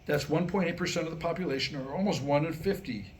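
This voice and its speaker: Talking fast in a slightly high voice, a man presents jokes to a small group of listeners at a live staged reading, in a wry, conversational stand-up manner. Faint background noise is audible.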